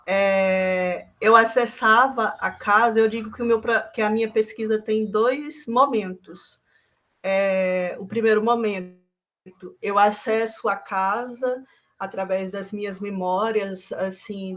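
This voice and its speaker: A visual artist from Bahia, Brazil, this woman speaks at a medium pitch with a Brazilian Portuguese accent. She reflects on her work haltingly, with lots of fillers and restarts.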